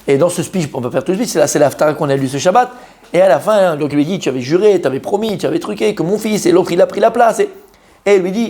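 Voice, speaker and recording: Man, rabbi, torah class, fairly high voice, animated, quizzes students. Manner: animated teacher, quizzes students, repeats key points. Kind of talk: lively Torah class in French with Hebrew terms.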